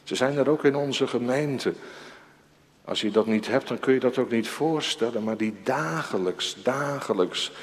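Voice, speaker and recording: A man preaching a sermon as pastor, slow and dramatic, now and then crying out loudly. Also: mid-range voice. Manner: slow, dramatic preaching with sudden raised cries. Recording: long church reverb.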